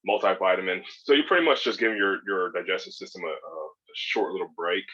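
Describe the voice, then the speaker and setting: Talking fast in a deep, husky voice with a sharp tone, a thirty-something podcast guest rambles laid-back through a casual interview, full of fillers and restarts. Born in California and raised in Hawaii and Spain, he comes through on a muffled recording.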